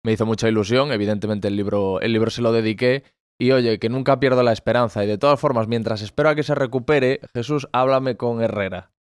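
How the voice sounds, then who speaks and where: Smooth-voiced male podcast host. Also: medium pitch, fast, no echo, studio quality. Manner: relaxed, friendly, with hesitant fillers. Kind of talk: casual conversational interview.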